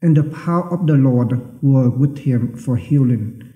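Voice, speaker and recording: A man's voice: mid-range voice, dull audio. Man reading under cathedral echo. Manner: measured, careful reading with occasional stumbles. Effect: cathedral-like echo with long church reverb. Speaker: priest. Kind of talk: liturgical Gospel reading at Mass. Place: large church interior. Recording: echoey church with long reverb.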